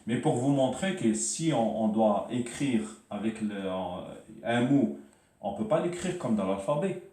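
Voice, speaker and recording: A man teaches Arabic writing in a loose, spoken way, often stumbling and repeating himself before spelling out each sound. His voice sits at an ordinary middle pitch and comes from some way off the mic. The room around him rings with echo. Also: animated, dark tone, distant mic. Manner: hesitant, repeats words, spells sounds out slowly. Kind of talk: informal spoken lesson at a board.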